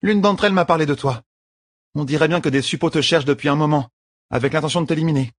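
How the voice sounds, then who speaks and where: A man voicing a strong-willed young queen with a firm, quick-tongued, slightly defensive manner, in an audiobook. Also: on the high side, no room sound, clean studio sound, voice pushed up, natural voice.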